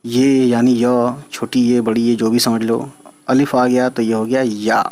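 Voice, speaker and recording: A male teacher talks his way through a reading lesson at an unhurried, deliberate pace. His voice sits at an ordinary middle pitch. He spells each word out letter by letter and keeps asking whether it makes sense. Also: little pitch movement, darkish tone. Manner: patient, spells letters out slowly, often asks "right?". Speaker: Urdu teacher.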